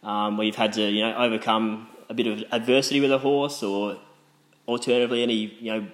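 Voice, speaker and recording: A man's voice: fairly low pitch, little pitch movement, fast talker, poor audio. An Australian man conducting a casual interview, asking questions in a friendly, somewhat hesitant way.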